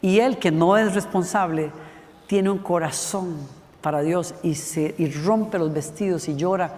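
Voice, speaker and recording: A man's voice: high voice, unhurried, darkish tone, long reverb tail. A man preaching a sermon, telling a story in a chatty way, with questions to the congregation and a few jokes.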